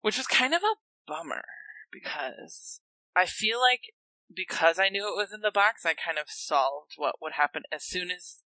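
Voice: medium pitch, lively intonation, moderate pace, pushed and bright, no room sound, low-quality recording. A podcast co-host explaining things in a chatty, casual way. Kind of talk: casual chat.

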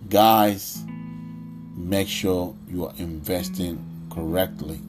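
A man's voice: sits low, fairly even intonation, slow. A man hosting a cryptocurrency video, talking casually in an emphatic, insistent, hyped crypto-bro manner over plucked guitar music. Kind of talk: casual commentary on a ranked list.

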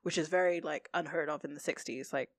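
Casting note: chatty woman podcast co-host, casual recap, lowish voice, dry close sound. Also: fairly quick, no echo. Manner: chatty, laughs often, many fillers. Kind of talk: casual chat recapping a TV episode.

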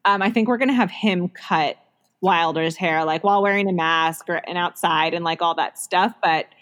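A woman's voice: lowish voice, normal speed, a bit bright. A woman in her thirties co-hosting a podcast, chatting casually and laughing often, with plenty of likes and ums. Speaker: podcast co-host. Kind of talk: casual chat.

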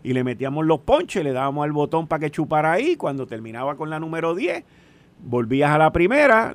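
A man in his sixties with a Puerto Rican accent, chatting casually and telling stories in an animated way, often putting questions to the listener. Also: on the high side, no echo. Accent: Puerto Rican Spanish. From Puerto Rico. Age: 60s. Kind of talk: casual storytelling chat.

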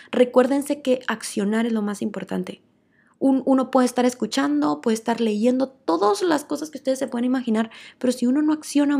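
A woman's voice: on the high side, vocal fry, a little mellow. A young woman, talking casually on a motivational podcast as a coach, earnest and repetitive, coaxing listeners with rhetorical questions. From Guatemala.

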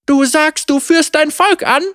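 A woman's voice: sits high, a little slow, fairly bright tone, no room sound, clean studio sound, pitched above the performer's own voice. A woman voicing an immortal winged female guardian who speaks in a stern, raised, commanding voice.

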